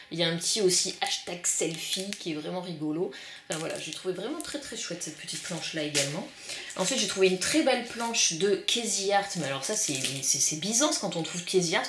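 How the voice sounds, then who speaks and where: A woman vlogger chatting casually and enthusiastically about her craft supply haul, with lots of fillers. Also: fairly low pitch. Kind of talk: casual haul show-and-tell. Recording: echoey room with faint noise.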